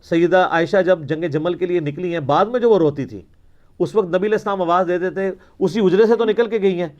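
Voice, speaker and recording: Heard through a muffled recording, a man with a high-pitched, darkish-toned voice speaks fairly quickly. As a religious teacher answering questions, he lectures argumentatively and mockingly, full of rhetorical jabs and quoted narrations.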